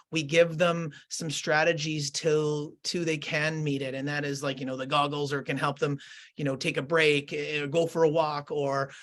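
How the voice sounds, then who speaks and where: Man, principal, conversational storytelling, earnest, halting, lots of ums, slightly higher voice. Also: fairly bright tone. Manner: earnest, halting, with many fillers and restarts. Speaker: school principal and educator.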